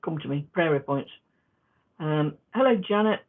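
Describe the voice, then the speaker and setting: A woman chatting casually in a quilting vlog, rambling and halting with many restarts. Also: deep voice, animated. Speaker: quilting vlogger. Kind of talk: casual crafting vlog chat. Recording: tinny phone-like sound.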